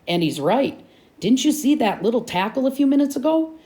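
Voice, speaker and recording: A woman's voice: fairly high pitch, very animated, brisk, dark tone, pitched above the performer's own voice. A woman reading a jittery schoolboy. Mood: emphatic. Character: nervous fifth-grade boy, jittery worrier.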